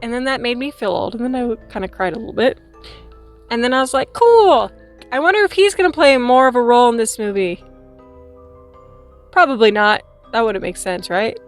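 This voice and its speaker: A woman's voice: fairly high pitch, animated, fairly quick, faint music behind. A giggly, tipsy-sounding woman rambling casually and animatedly as she gives a chatty review to camera. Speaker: movie reviewer hosting a vlog.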